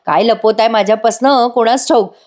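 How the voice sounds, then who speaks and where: A woman's voice: on the high side, fairly quick, natural voice. A woman voicing an angry, suspicious young wife who snaps at her husband. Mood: irritated. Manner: sharp, snapping.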